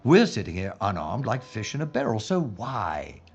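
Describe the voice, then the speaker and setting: In an audio drama, a man plays a courteous, unflappable police inspector in wartime London, speaking in a dryly understated, deliberate manner. His voice is lowish and very animated. The mood is grave as he works through deductions.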